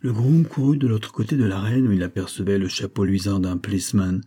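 Husky, dark-voiced male narrator. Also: low-pitched, quick pace. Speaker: audiobook narrator. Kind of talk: scripted narration of a novel.

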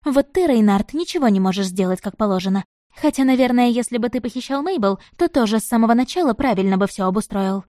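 A woman voicing an excitable, romantic young lady who gushes enthusiastically. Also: fairly high pitch, fast talker, dry recording, studio quality, close to an everyday voice. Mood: gushing. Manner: gushing, enthusiastic.

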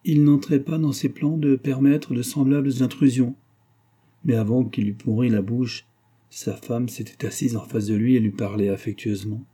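A man narrating a literary novel as an audiobook in a measured, even reading. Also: mid-range voice, slightly rough.

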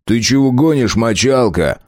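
A man's voice: mid-range voice, lively intonation, a little slow, dry recording, studio quality, close to an everyday voice. A man voicing a blunt, sullen male ex-convict who talks in prison slang. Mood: gruff.

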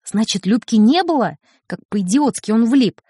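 Expressive woman narrating an audiobook. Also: fairly high pitch, slightly rough, dry recording. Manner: measured, expressive storytelling. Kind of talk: scripted narration. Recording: dry studio recording.

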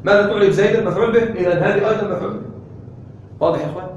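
A man teaching Arabic grammar to a class. He keeps asking whether his students follow and repeats key terms slowly. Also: high voice, darkish tone, dull audio, a little hiss or hum. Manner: checks understanding with frequent questions to the class. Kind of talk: classroom lesson. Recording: echoey room, voice from a distance.

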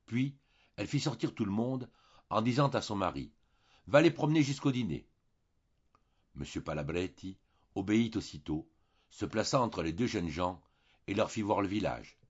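Male audiobook reader, measured and expressive, muffled lo-fi recording. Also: sits low, husky. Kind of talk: audiobook narration.

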